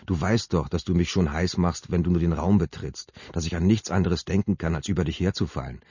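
A sly, placating husband, voiced by a man reading a story, with a low, dark, husky voice. He smooths things over in a soft, coaxing way. The sound is dry and close. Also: brisk, no echo, dull audio. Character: sly man, adult, football dreamer.

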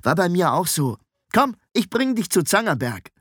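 A cheeky blond apprentice boy of about fourteen chatters in a high, giggly voice, as a man puts him on. His voice jumps around with mischief. The recording is close and dry. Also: big pitch swings, normal speed, fairly bright tone, breathy edge, no room sound, heavily acted. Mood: cheeky, teasing.

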